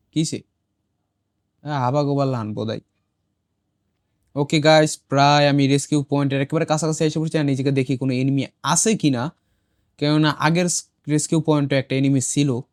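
A man, hoarse from a cold, chatting casually to viewers while he plays and throws in English exclamations. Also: mid-range voice, darkish tone, no room sound, clean studio sound. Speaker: gaming channel host. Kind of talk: casual gameplay commentary.

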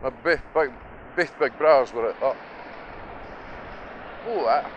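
A middle-aged vlogger from Dundee, Scotland, with a Scottish accent rambles casually while walking along city streets, reminiscing, opinionated and emphatic, often chuckling. His voice is mid-range at a measured pace, and the muffled, noisy outdoor audio carries traffic, passing vehicles and street ambience.

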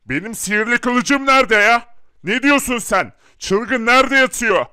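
A man's voice: very high voice, expressive, measured pace, pushed and bright, smooth, no echo, studio quality, exaggerated voice. A man doing a frantic thief boss. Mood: alarmed. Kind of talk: hobby animation voice acting.

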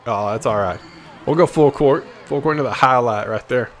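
An American gaming video host trash-talks playfully while playing a basketball video game, whose sounds fill the background. His medium-pitched voice is brisk, jumping between exclamations and muttered asides.

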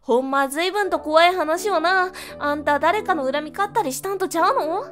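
A woman's voice: very high voice, normal speed, fairly bright tone. Woman doing bubbly Kansai-accented young waitress. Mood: cheerful. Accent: put-on Kansai. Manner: bubbly, reassuring, chatty dialect. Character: cheerful young Osaka waitress girl, friendly. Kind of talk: reading game dialogue aloud.

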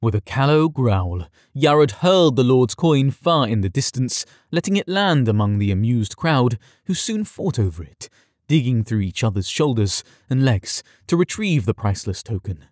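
Expressive male storyteller, dry close sound. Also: mid-range voice, moderate pace, no echo. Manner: expressive, dramatic reading. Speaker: audiobook narrator. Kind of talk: scripted story narration.

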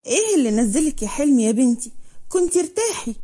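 A woman's voice: high-pitched, very animated, quick pace, dark tone. A woman voicing a fond, teasing father.

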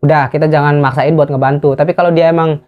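A man's voice: on the high side, fairly even intonation, fast talker. Casual young man drilling phrases. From Indonesia. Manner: repetitive, drills phrases again and again. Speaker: YouTuber giving tips for work trainees in Japan. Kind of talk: casual instructional vlog. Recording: dull lo-fi recording.

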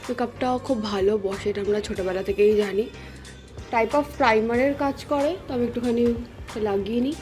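A young woman chats in a quick, high voice while she does her makeup for the camera. She sounds a little worn out, and music plays underneath her talk. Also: a little mellow. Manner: chatty, talks while doing her makeup. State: tired. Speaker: vlogger. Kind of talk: casual vlog chat.

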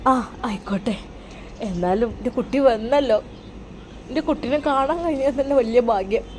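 A grieving, loving mother speaks softly and pleadingly, played by a woman. Her voice sits fairly high, over a faint hiss of background noise. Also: normal speed, natural voice. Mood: tender. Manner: soft, affectionate, pleading. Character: tender, grieving middle-aged mother.

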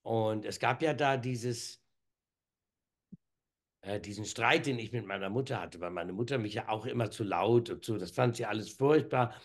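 A man's voice: on the low side, moderate pace. A man in his fifties co-hosting a casual comedic chat over a video call from home, rambling and joking with many restarts. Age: 50s. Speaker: co-host. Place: room at home, indoors. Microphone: video call webcam.

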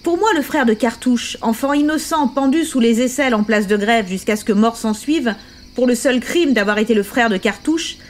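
A woman's voice: fairly high pitch, darkish tone, natural voice. A woman reading aloud as a fierce, bitter old revolutionary on his deathbed who speaks in impassioned accusations.

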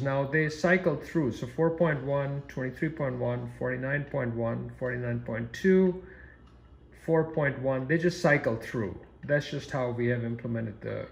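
A man in a hotel room giving a halting, step-by-step demonstration, with lots of ums and uhs, while filming a screen. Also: medium pitch, creaky. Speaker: product demonstrator. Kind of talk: casual off-the-cuff demo narration. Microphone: phone camera filming a TV screen, voice off camera.

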